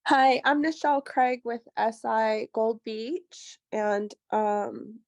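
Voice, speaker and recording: A woman's voice: fairly high pitch, slow pace, no echo. A woman, a new club member, hesitantly introducing herself in a casual group meeting.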